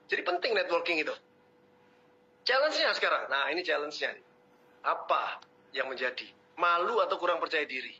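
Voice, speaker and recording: A man giving a motivational webinar talk, lecturing and teasing his audience in an animated way. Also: sits high. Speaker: webinar speaker. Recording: muffled webinar audio.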